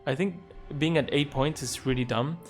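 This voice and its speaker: A man streaming a video game live, reasoning through his choices out loud with playful, jokey asides. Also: medium pitch, normal speed, soft background music. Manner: thinks aloud, reasoning things through. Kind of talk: live gameplay commentary.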